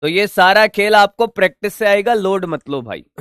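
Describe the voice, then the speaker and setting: At a moderate pace, a man with a high, expressive, somewhat bright and smooth voice teaches physics online at a board, recorded with studio quality and no echo. His style is chatty and teasing as he solves circuit problems and responds to his students.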